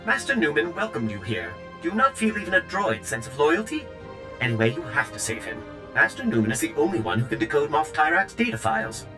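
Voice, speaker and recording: An actor playing a prim, fussy male servant droid in a video game, with a polished, too-smooth android delivery. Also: medium pitch, big pitch swings, a little fast, music in the background. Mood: brisk. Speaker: game character.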